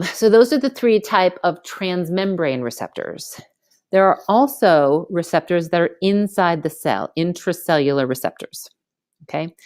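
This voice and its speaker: Low-voiced woman teaching a screencast lesson. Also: no echo, clean studio sound. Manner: casual, colloquial explaining with frequent 'okay?' check-ins. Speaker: biology teacher. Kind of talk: informal screencast lecture, explaining step by step. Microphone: close mic on a screen recording.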